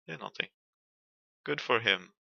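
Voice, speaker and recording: A man's voice: medium pitch, animated, creaky, no room sound, muffled recording. A young man with a Swedish accent giving chatty, jokey commentary while playing a horror game, yelping when chased. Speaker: gaming streamer.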